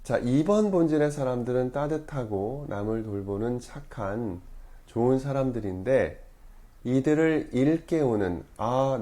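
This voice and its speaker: Mellow-voiced male priest teaching calmly. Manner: measured, often rephrasing and correcting himself mid-phrase; stresses key words with sudden rises in pitch and loudness. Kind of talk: explanatory teaching talk.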